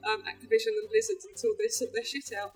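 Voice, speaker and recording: Woman losing her voice, high and raspy, soft music behind. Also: very animated, fast. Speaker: podcast co-host. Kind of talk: casual chat.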